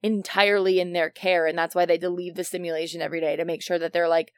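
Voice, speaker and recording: A woman's voice: fairly low pitch, little pitch movement, fast, clear, resonant tone, no room sound. A woman co-hosting a casual podcast chat about a film, rambling and trailing off as she thinks aloud. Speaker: podcast co-host.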